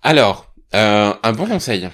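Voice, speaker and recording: A man's voice: lowish voice, sing-song, unhurried, fairly bright tone. A man appearing as a guest in a casual podcast chat, talking about performing and mocking himself with a laugh. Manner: chatty, self-mocking, laughs often.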